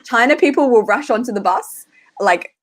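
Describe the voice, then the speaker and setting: A woman's voice: fairly high pitch, lively intonation, normal speed. Chatty Australian woman. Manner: chatty, many "like" fillers. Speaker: host. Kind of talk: casual livestream chat.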